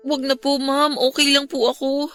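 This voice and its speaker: A woman's voice: high-pitched, level tone, normal speed, fairly bright tone, soft background music. An actress playing a timid young housemaid in a radio drama, meekly and politely denying that she is pregnant. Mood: pleading. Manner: meek, polite, pleading denials.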